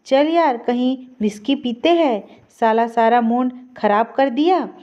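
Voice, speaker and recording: A woman's voice: fairly high pitch, measured pace, mellow, lightly acted. A woman voicing a worried, restless young husband in an audio story, speaking in an anxious, pleading way. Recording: dull lo-fi recording.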